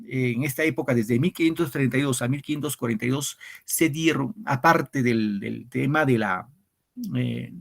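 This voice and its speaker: Man teaching step by step. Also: mid-range voice. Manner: explains step by step, counting syllables aloud and asking his students. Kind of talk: online class lecture. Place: home setup for an online class.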